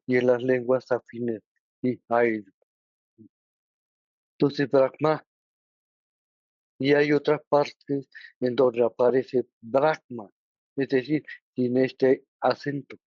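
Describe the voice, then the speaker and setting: A man with a Mexican Spanish accent teaching a study group, halting and often pausing to check that listeners follow. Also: mid-range voice, no echo. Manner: checks understanding with frequent tag questions; halting, with many restarts and filler words. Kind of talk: explanatory lesson. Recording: dull, lo-fi recording.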